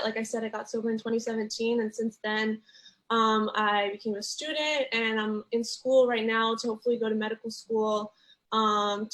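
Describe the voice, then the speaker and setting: A woman's voice: a little high, fairly bright tone, poor audio. Easygoing woman from Denmark. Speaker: panelist. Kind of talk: casual self-introduction.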